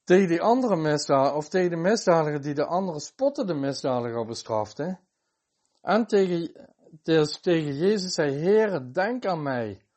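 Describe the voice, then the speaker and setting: A man preaching a sermon. His voice sits a little high, and he quotes scripture chapter by chapter, stressing key phrases with earnest emphasis. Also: expressive, moderate pace, a little mellow.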